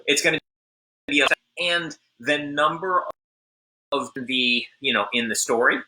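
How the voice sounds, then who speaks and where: A man on a video call whose audio keeps stuttering and dropping out from a bad connection. He talks haltingly and repeats words as the sound cuts. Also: on the high side, pushed and bright, low-quality recording. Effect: choppy buffering audio over a bad internet link. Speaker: game designer guest. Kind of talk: live-stream Q&A.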